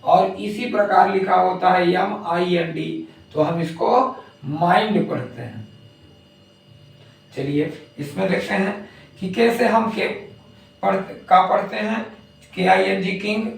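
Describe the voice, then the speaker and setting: A man's voice: high-pitched, fairly even intonation, a little slow, vocal fry. A man teaching English phonics, spelling out words letter by letter and then saying them. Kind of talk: phonics lesson. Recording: echoey room, distant mic.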